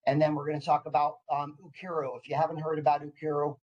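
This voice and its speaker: A clinical department director gives an informal professional presentation, sounding psyched and enthusiastic, like he's had plenty of caffeine. His voice is fairly high and monotone, and he talks fast and eagerly, often hesitating and restarting mid-phrase. The audio is lo-fi.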